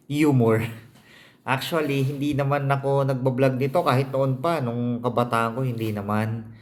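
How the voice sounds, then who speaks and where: Male teacher, casual vlog monologue, reflective, mid-range voice, lots of tag questions, faint room noise. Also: medium pitch. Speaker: teacher sharing thyroid experience. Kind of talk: casual personal vlog talk.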